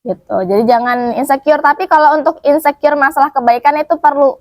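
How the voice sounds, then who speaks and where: A woman's voice: high voice, fast, no echo. A young woman student teaching a casual Quran commentary lesson at a boarding school, chatty, full of fillers and rhetorical questions. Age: young adult.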